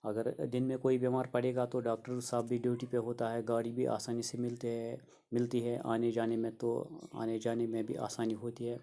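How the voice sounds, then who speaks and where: A gravelly, mellow-toned man in middle age teaches a children's reading lesson. He keeps a level, unvaried delivery and repeats each idea in plainer words so young pupils can follow. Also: mid-range voice, completely flat delivery. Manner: repetitive, restates each sentence simply for children. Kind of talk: explaining a school reader lesson.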